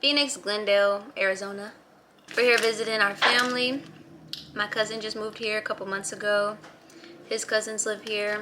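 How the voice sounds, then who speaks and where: A woman's voice: mid-range voice, pushed and bright, slight background noise. A woman vlogging in casual chat indoors in a small rental, bubbly and playful, laughing often. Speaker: travel vlogger. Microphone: camera mic, talking to camera.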